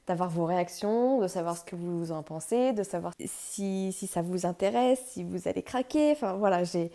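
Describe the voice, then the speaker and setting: A woman hosting a crafts channel, chatting casually and excitedly through an unboxing, often breaking into laughter. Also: on the low side, normal speed.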